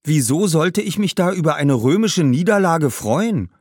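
A man's voice: fairly high pitch, expressive, moderate pace, darkish tone, no echo, studio quality, pitched above the performer's own voice. A man voicing an earnest, bookish young schoolboy who talks eagerly and insistently in a storybook.

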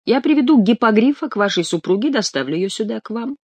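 A man reading an audiobook, voicing a playful, sly young male courtier with a lively, teasing delivery. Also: high-pitched, fast, breathy edge, dry recording, lo-fi sound, voice pushed up, exaggerated voice.

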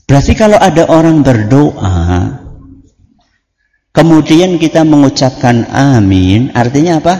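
Slow-talking man teaching children in echoing hall. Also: mid-range voice, sing-song, dark tone. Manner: quizzes the children with frequent questions. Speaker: Islamic teacher. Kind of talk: teaching children a religious lesson. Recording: long reverb from a large hall.

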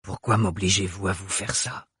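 A man voicing a stiff, cold male steward turned villain, speaking in a hushed, hissing way. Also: mid-range voice, fairly even intonation, fairly quick, slightly rough, no echo, studio quality. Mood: menacing.

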